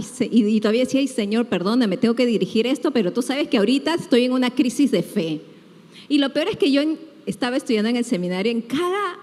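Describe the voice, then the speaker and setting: A woman from Peru preaching a sermon, animated and acting out the voices of people she quotes. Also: a little high. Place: church hall. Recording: hall reverb.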